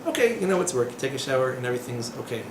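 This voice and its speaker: Rapid-fire and full of big pitch swings, a medium-pitched man in his thirties runs a casual class in a small room. His informal lecture is peppered with digressions, fillers, jokes and sardonic asides, captured in an echoey space with background noise.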